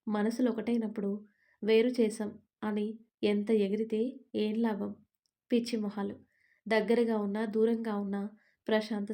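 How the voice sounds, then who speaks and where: A woman reading a romantic story aloud as narrator, calm and even. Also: medium pitch.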